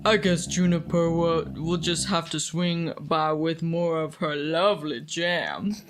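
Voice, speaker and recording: A woman's voice: low voice, a little slow. A woman putting on a chuckling old country man. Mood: flirty. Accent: American Southern put-on. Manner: drawling, chuckles between lines.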